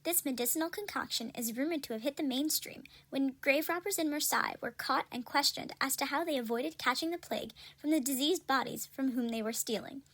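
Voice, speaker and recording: A woman playing an upbeat, salesy pitchwoman in a parody pharmaceutical ad, persuasive and scripted. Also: brisk, few pauses, fairly bright tone. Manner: salesy, persuasive announcer delivery. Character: upbeat 17th-century female drug-commercial pitchwoman selling cures.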